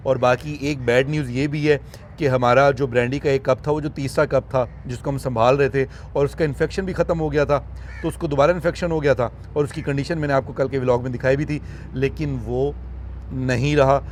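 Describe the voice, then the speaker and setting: A man's voice: medium pitch, fairly even intonation, fairly quick, slight background noise. A man, filming outdoors at his animal farm, soothing and coaxing his animals and speaking sorrowfully to his viewers. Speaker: wildlife farm owner and vlogger. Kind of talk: casual vlog talk to camera.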